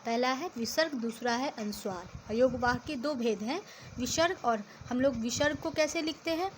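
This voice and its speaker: A woman's voice: high voice, moderate pace, a little hiss or hum. A woman teacher explaining a lesson step by step to children and reciting letters one by one. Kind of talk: classroom lesson.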